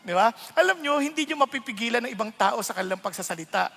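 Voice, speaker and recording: A middle-aged male pastor preaching a sermon, animated and laughing often as he mixes English into his talk. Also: very high-pitched, fast talker, vocal fry. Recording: long reverb of a large hall.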